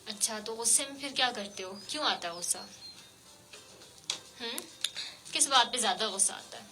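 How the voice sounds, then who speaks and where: A woman hosting a radio show, interviewing a child guest with gentle, coaxing questions full of fillers. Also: fairly high pitch, animated, music in the background. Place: radio studio.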